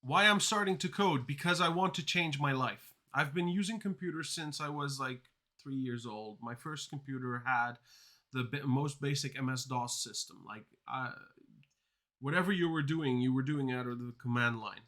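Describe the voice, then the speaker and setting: On his coding livestream, a Dutch- and Turkish-speaking man who is still learning to code rambles casually and fields chat questions mid-sentence. His medium-pitched voice sounds pushed and bright at a normal speed.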